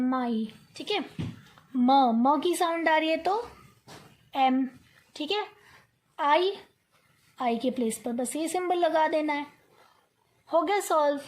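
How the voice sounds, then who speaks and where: A young woman teaching an online lesson, coaxing her students, repeating words aloud to drill the sounds and checking in often. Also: sits high. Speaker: English teacher.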